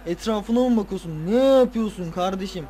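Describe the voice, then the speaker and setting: A man's voice: high voice, fairly quick. Tired man ranting over a football game. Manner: swears and rants at players, excitable outbursts. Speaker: gaming video creator. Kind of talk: casual football game commentary.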